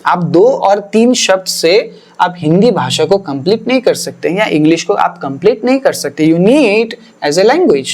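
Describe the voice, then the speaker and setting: A man's voice: sits high, very animated, measured pace, darkish tone. A man, a pastor, explaining his teaching earnestly in a podcast, slipping English phrases into his talk and repeating words for emphasis.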